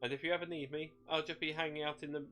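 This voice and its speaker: Man voicing a gleeful, mocking demon, pitched up. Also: level tone, fast talker, sharp tone, soft background music. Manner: mocking, cackling, wheedling folksy slang. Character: gleeful bloodthirsty male demon shade possessing a woman. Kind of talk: dramatic storytelling character voice.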